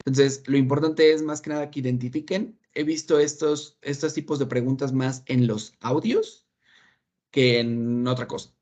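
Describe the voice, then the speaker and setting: Teaching English online, this man with a Mexican Spanish accent explains patiently, repeats his points, and keeps checking in with "¿ok?" His mid-range voice is steady and darkish, delivered at a moderate pace.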